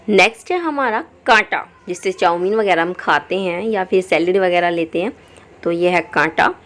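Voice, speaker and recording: A woman teaching English words for kitchen items in Hindi, repeating each word slowly and clearly. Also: medium pitch. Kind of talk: vocabulary lesson.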